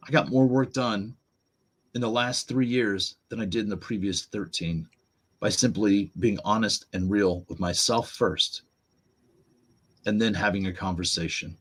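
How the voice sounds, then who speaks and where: A man as a guest on an interview show, telling personal stories with animated, acted-out quotes. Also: fairly low pitch, a little slow, husky. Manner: animated storyteller, acts out quotes in raised voice. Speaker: podcast guest. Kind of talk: storytelling conversation.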